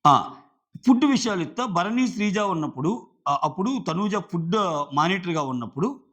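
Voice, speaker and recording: High-voiced Telugu man reviewing a show. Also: lively intonation, moderate pace, a bit bright. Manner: argumentative, asks rhetorical questions, paraphrases contestants' quotes. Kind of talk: casual episode review commentary.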